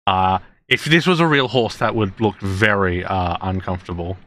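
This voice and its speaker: A man narrating as game master, halting and full of restarts. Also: sits low, a bit bright. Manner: halting, many fillers and restarts.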